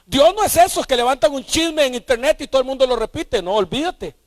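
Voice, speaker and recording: A man preaching a sermon, emphatic, rising to shouts and repeating his key points. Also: extremely high pitch, animated, fairly quick, dry recording.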